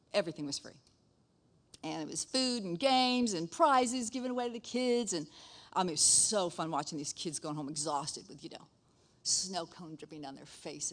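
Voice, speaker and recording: Animated woman preaching a sermon. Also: lowish voice. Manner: animated storytelling with playful asides and laughs. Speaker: pastor's wife and church leader.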